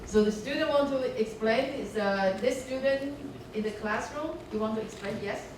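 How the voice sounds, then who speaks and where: A woman's voice: on the high side, normal speed, a little mellow. Woman moderator, echoey classroom from afar. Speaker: moderator and wildlife biologist. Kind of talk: moderating a lecture Q&A. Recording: far-off mic in an echoey classroom with background noise.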